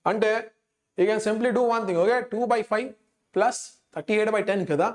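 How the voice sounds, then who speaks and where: A man's voice: high-pitched, very fast. A man with a Telugu Indian accent, a native Telugu speaker, teaching an exam-coaching lesson, working through sums aloud, repeating phrases and prompting students with questions. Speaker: physics teacher.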